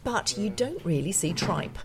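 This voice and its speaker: A woman hosting and chatting casually in a lively, agreeable way. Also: mid-range voice, a little slow, noisy background. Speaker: host. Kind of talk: casual chat.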